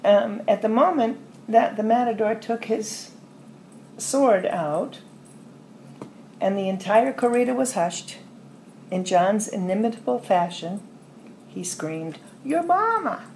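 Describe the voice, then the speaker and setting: An older American woman, a podcast interview guest, telling long rambling stories with soft trailing asides. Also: medium pitch, takes it slowly, long pauses. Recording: roomy echo with faint ambient noise.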